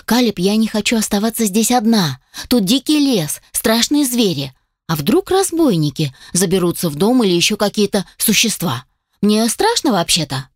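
A woman's voice: mid-range voice, very animated, normal speed, no echo, clean studio sound. A woman voicing a feisty young heroine in an audiobook, with a raised, pleading, snappy delivery.

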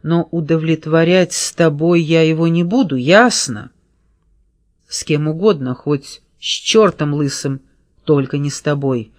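A woman reading an audiobook, voicing a desperate young woman who shouts defiance and pleads for help. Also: deep voice, unhurried, no echo, studio quality. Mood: defiant.

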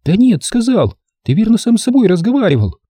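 A man's voice: sing-song, fairly quick, mellow, slightly rough, no echo, clean studio sound, exaggerated voice. Man putting on a cross sleepy young girl. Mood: indignant. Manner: high, petulant and sleepy.

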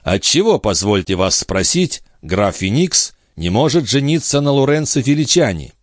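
A man reading an audiobook, voicing a calm, ironic aristocratic count in measured speech. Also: mid-range voice, dry recording, clean studio sound, pitched above the performer's own voice, lightly acted. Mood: composed.

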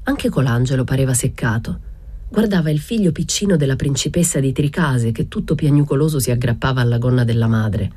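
A woman reads a literary novel aloud in a steady, measured first-person narration. Her voice is low and husky, with a dark, mellow color. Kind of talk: audiobook reading of a literary novel.

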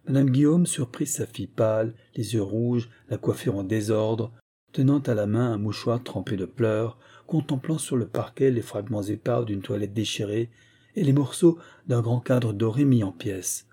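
A man reading a classic novel aloud as an audiobook narrator, in a measured, grave way. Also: medium pitch, dark tone, breathy edge. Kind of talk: scripted literary narration.

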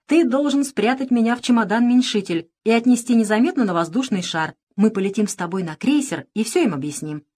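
A woman's voice: fairly high pitch, lively intonation, brisk, few pauses, a little mellow, pitched above the performer's own voice. Woman voicing a sly pirate queen. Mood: scheming. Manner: sly, pleading, theatrical. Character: scheming pirate queen posing as Cinderella. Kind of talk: audiobook character voice.

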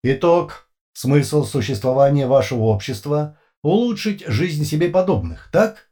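A man voicing an unseen, emotionless interrogator with a booming, colourless metallic voice, firing short clipped questions loudly and slowly without pause, in an audiobook reading. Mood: cold, flat. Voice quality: flat, metallic, toneless.

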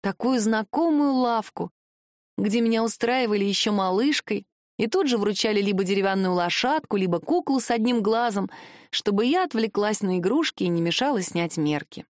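A woman's voice: medium pitch, animated, moderate pace, no room sound. Woman reading a novel, dry close mic. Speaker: audiobook narrator. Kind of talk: scripted first-person narration.

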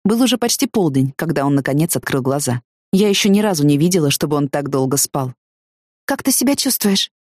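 A woman reading a first-person novel aloud in an expressive way. Her voice sits low, while her pitch moves in lively arcs across each sentence. The sound is close and dry, with no room echo. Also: fast. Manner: expressive, emotionally engaged reading. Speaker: audiobook narrator.

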